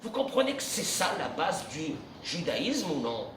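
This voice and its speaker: A high-voiced rabbi preaches with a wildly swinging, animated delivery, now and then bursting into shouts. His bright, sharp voice is picked up from a distance in a reverberant room. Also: unhurried, slight background noise. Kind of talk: sermon. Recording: echoey room from far off.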